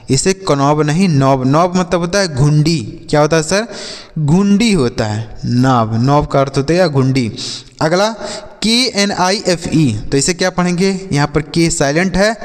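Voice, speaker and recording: A man's voice: a little high, in a large hall. A man teaching a lesson, spelling words letter by letter, asking questions and answering them himself. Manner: addresses viewers as friends. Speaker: English teacher. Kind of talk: classroom-style lesson.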